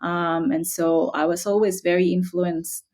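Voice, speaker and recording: A woman, a researcher talking as a guest in a relaxed interview, thoughtful and friendly, often laughing. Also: fairly low pitch, a little slow. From Costa Rica. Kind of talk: casual interview talk.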